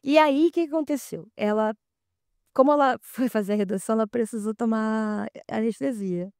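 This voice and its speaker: A woman with a Brazilian accent, a podcast guest telling a personal story in a casual, animated way and acting out the dialogue. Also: a little high, fairly quick, smooth, no echo, clean studio sound. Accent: Brazilian Portuguese.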